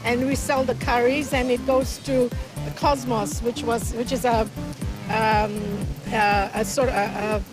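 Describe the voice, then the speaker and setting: A woman answering a street question keeps searching for her words. Her voice is fairly high, and music plays clearly behind her. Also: flat delivery, measured pace, rough recording. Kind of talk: vox pop interview.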